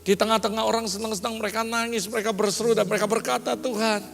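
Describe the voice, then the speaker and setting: A male pastor preaching a sermon, mixing in English phrases and building up to loud, emphatic lines. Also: sits high, level tone, rapid-fire, creaky, long reverb tail, soft background music.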